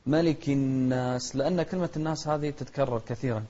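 A man gives a patient recitation lesson, darting through explanations and then slowing to chant each example carefully. His voice is soft and mellow, captured on a dull, lo-fi recording. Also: mid-range voice, steady tone. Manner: patient, demonstrates pronunciation with slow chanted examples and quick explanations. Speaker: Quran recitation teacher.

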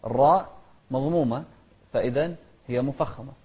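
A man teaching tajweed, chanting verses slowly and then explaining the rules in quick, quieter asides. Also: mid-range voice, husky, highs cut off. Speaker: Quran recitation teacher. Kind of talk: tajweed lesson, recitation alternating with explanation.

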